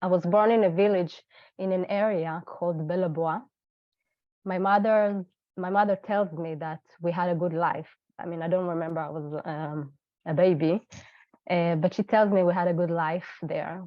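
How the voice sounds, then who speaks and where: A woman from Ethiopia in her thirties tells her own story over a video call, earnest and halting with many fillers. Her voice sits on the low side and she is not feeling well. The sound is dry and dull, like a lo-fi call. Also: fairly even intonation, no echo. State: unwell. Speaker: webinar guest speaker. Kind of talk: personal testimony.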